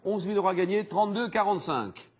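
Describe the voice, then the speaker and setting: Animated, husky-voiced French quiz host. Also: male voice, sits high, fast talker. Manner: animated, exclamatory, teasing contestants. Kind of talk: TV quiz hosting. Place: TV studio.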